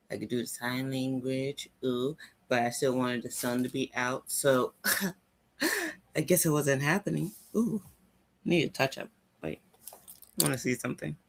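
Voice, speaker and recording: A young adult chatting casually on a home livestream, rambling and thinking aloud into a laptop mic. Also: mid-range voice.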